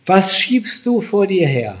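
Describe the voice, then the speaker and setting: A man preaching a sermon, slow and emphatic, his voice lifting sharply on the key phrases. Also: high-pitched, big pitch swings.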